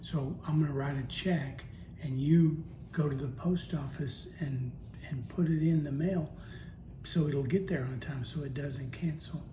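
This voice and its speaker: A man's voice: fairly high pitch, measured pace, natural voice. A man voicing a chatty older wife who exclaims over the day's mail, in a loosely acted story voice. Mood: fussy. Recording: echoey room with steady noise.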